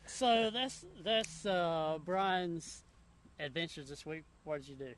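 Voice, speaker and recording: A laid-back man hosts a casual outdoor chat, chuckling often and stalling on fillers. His voice sits a touch high for a man. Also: lively intonation, takes it slowly, a bit bright, clear, resonant tone. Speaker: podcast host.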